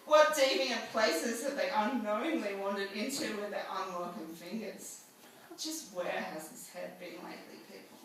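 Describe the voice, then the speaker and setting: A woman performing a spoken-word poem live, defiant, crude and emphatic, now and then rising to shouts. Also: medium pitch, normal speed, distant mic, a little hiss or hum. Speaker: poet. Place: live event venue. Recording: echoey room, mic from afar.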